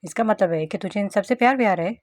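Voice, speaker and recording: A woman's voice: mid-range voice, fast talker, dry recording, natural voice. Audiobook: a woman playing a cocky young gangster husband, mocking street slang, dry close sound. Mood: probing.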